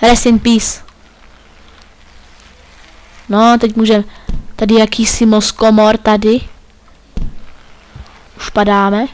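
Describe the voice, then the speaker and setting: A man's voice: sits high, monotone, long pauses, smooth. A man giving playful, joking commentary while playing a video game. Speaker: let's play gamer.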